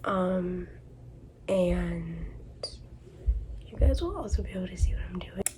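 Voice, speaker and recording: A congested book vlogger with a lowish voice speaks at a measured pace, chatting casually while she's sick and thinking aloud as she rambles along. Steady background noise runs under the recording.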